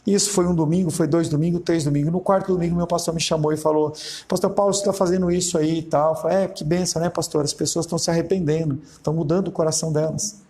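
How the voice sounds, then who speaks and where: A middle-aged male pastor from Brazil delivers a sermon in a talky, storytelling way. His voice sits a bit higher than most men's. He acts out quoted dialogue and keeps checking in with his listeners. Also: steady tone, fast, warm tone. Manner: conversational preaching, acts out quoted dialogue, frequent "entendeu?".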